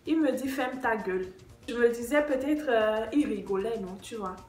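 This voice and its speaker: A woman's voice: fairly high pitch, moderate pace, a little mellow. A young woman, animatedly telling a true story on her vlog and acting out the dialogue. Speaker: vlogger. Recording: echoey room.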